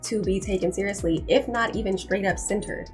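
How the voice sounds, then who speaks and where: A woman's voice: mid-range voice, a little fast, darkish tone, soft background music. A young woman hosting a commentary channel, talking in an emphatic, insistent way and repeating points for stress. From United States. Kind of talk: opinion commentary to camera.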